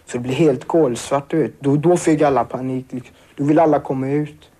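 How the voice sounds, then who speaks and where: Teenage boy, halting, dark-toned voice. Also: medium pitch, steady tone. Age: teens. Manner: halting, filler-heavy, restarts. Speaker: survivor interviewee. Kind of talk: emotional personal account.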